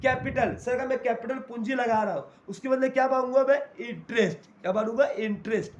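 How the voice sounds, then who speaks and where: High-pitched male teacher in an echoey room. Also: lo-fi sound. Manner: explains in Hindi mixed with English terms, asks and answers his own questions. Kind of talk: classroom lecture. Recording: echoey room, faint noise.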